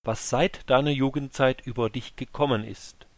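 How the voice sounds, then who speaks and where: A man's voice: medium pitch, fairly even intonation, moderate pace, dry recording, lightly acted. A man voicing a stern army commander. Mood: reproachful. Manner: forceful, reproachful. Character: stern male army commander rebuking his king.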